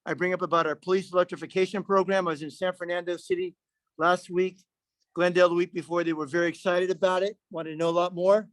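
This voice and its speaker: A man's voice: high-pitched, flat delivery, fast talker, no room sound. A councilmember calling into a public meeting over a remote line that keeps breaking up. He repeats himself and keeps checking whether he can be heard. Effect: remote call audio breaking up. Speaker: city councilmember. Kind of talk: public meeting report by phone.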